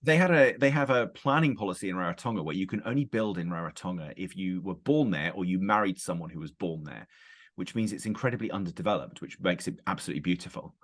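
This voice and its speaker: A very low-voiced English man hosts a podcast interview. He chats along eagerly and leans on plenty of "um"s and "uh"s. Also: fast. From Britain. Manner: chatty, filler-heavy, enthusiastic. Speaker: podcast host. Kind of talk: casual interview chat.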